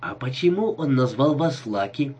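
A man's voice: medium pitch, lively intonation, normal speed, a little mellow, breathy edge, muffled recording. A man doing a coy scheming young woman. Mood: teasing. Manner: coy, teasing.

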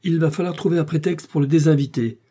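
A fretful, pompous aristocratic husband, read by a man in an audiobook, complaining in a raised, agitated voice. His tone is dark and a little husky, and his pitch climbs higher than the narration around him. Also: steady tone, quick pace. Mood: peevish. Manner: peevish, agitated. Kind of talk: audiobook reading.

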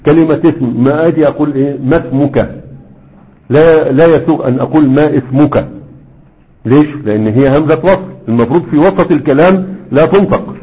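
Fast-talking man teaching grammar. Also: fairly high pitch. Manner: conversational, often checks with "right?". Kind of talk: classroom grammar lesson. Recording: dull lo-fi recording.

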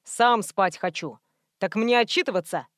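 A woman's voice: mid-range voice, moderate pace, fairly bright tone, dry recording, clean studio sound, lightly acted. A woman reading an audiobook voices a playful, clowning male friend with a teasing manner.

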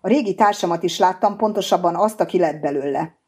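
A woman voicing an adult male police lieutenant in an audiobook, brisk and commanding. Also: fairly low pitch, a little mellow, breathy edge. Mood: urgent.

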